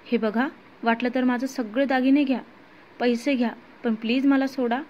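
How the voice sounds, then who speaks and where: A woman's voice: fairly high pitch, steady tone, normal speed, darkish tone, highs cut off, close to an everyday voice. A woman doing a hurt, tearful young wife. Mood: frightened pleading. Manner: tearful, pleading. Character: hurt young wife confronting her husband, then a terrified captive.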